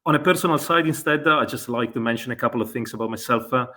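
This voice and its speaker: This Italian man in his forties speaks quickly with a medium-pitched, pushed, bright voice and an Italian accent. As an e-commerce consultant guest, he answers interview questions hesitantly, full of fillers and self-corrections.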